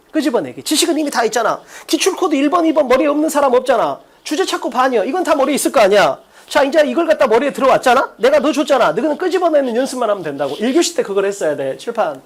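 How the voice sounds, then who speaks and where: A man teaching an exam-prep English lecture, blunt and casual, who swears and keeps firing rhetorical questions at his students. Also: very high-pitched. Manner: repeats key phrases often.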